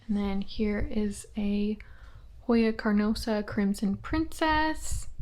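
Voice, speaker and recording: A woman's voice: on the high side, mellow. A woman giving a casual tour of the houseplants in her small old house, naming each one as she walks and sometimes slipping into a whisper. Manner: chatty, names plants as she walks, drops to a whisper at times. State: out of breath. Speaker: plant vlogger.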